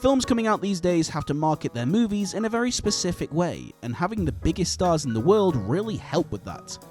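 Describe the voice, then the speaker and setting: A man's voice: high voice, very animated, a little fast, darkish tone, faint music behind. A man reading a scripted video essay as its narrator.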